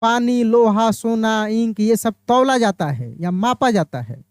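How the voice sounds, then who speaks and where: Teaching exam-prep grammar, a woman from India speaks in a fairly high, darkish, clear and resonant voice, captured in clean studio sound with no room ambience. She goes step by step, asks listeners questions before answering them, and drawls English example phrases slowly.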